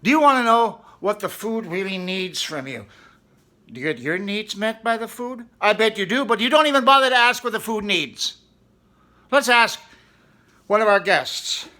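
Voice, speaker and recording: A man's voice: sits high, expressive, moderate pace, sharp tone. A man hosting a mock-serious comedy talk show in a studio, earnestly questioning food as if it were a guest.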